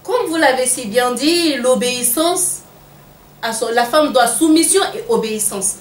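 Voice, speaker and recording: A woman's voice: high-pitched, a little slow. A woman with a Malian French accent answering interview questions in an earnest, emphatic way, repeating phrases for weight. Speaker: interview guest. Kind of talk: interview answers on women in politics. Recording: echoey room with faint background noise.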